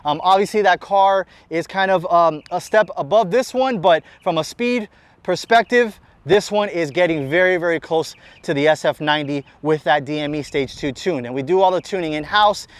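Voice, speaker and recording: Brief: American man who owns a shop, energetic and enthusiastic, high smooth voice, outdoor street walkaround. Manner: energetic, enthusiastic, talks fast in long run-on sentences. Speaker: shop owner presenting a car. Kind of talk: unscripted walkaround presentation. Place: outdoors on a closed city street beside a car.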